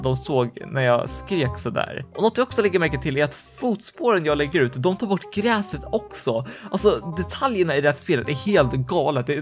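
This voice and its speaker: Excitable man commentating gameplay. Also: fairly high pitch. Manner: excitable, quick reactions, gasps and laughs. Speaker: gaming YouTuber.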